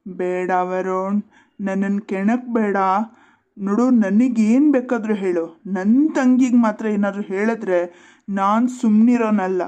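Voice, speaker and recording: A devoted cartoon big brother speaks calmly and stands firm for his sister, as a woman plays him. His tone is mellow and dark. The recording sounds a little dull and muffled. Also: medium pitch, a little slow, natural voice. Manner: calm, firm. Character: protective boy, caring older brother.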